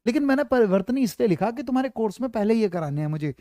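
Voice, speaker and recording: A man's voice: high voice, lively intonation, fast talker, dark tone, dry recording, clean studio sound. A man teaching a grammar class to students, repeating points, often checking that they follow and calling them "beta" to reassure them. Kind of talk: online class lecture.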